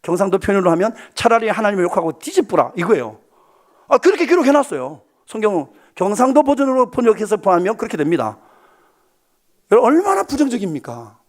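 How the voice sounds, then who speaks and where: A man preaching a sermon as a pastor, lively and questioning, often asking the congregation to answer. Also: high-pitched. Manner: animated, asks the congregation questions, acts out quotes.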